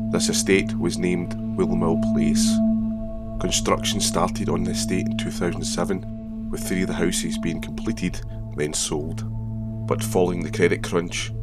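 Deep male narrator for an exploration vlog, low-key and matter-of-fact, with background music. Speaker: explorer vlogger. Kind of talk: scripted narration and walking commentary. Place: outdoors, village and graveyard. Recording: music behind the voice.

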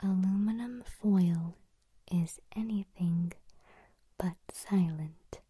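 A woman in her twenties doing whispered role-play as an ASMR coach, speaking in a breathy, soothing, soft bedside voice very close to the mic. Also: on the low side, slow pace, no room sound. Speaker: ASMR host leading vocal warm-ups. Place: small room at home, indoors. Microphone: close to the mic, leaning in.

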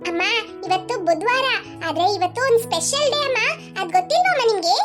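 A woman's voice: extremely high pitch, animated, quick pace, soft background music. A woman voicing a chatty, stubborn little kid in a cartoon who keeps pleading with a parent. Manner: pleading, repeats mom and dad. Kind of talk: cartoon voice acting.

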